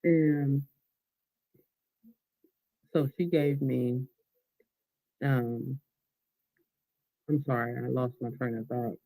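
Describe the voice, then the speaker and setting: Male vlogger, American, mid-pitched and deeply mellow, dry close sound; loose colloquial rambling through a mouthful of food. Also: fairly even intonation, very slow, long pauses, no echo, poor audio. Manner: colloquial, unguarded, trailing off and losing the thread; talking with a mouth full while eating. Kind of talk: casual rambling monologue.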